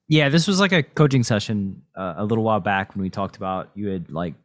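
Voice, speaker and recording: A man's voice: fairly low pitch, lively intonation, a little fast, dry recording. A man hosting a podcast in a casual, explanatory, lightly teasing way, close on a podcast mic. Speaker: podcast host and poker coach.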